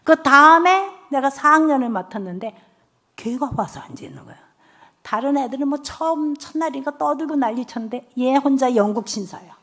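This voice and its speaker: Middle-aged woman preacher, higher voice, animated storyteller who slips into hushed whispers. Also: normal speed. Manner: lively storytelling, acting out children's and her own lines; drops to soft near-whispers for tender lines. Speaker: church deaconess speaker. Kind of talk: testimony sermon at a church revival meeting.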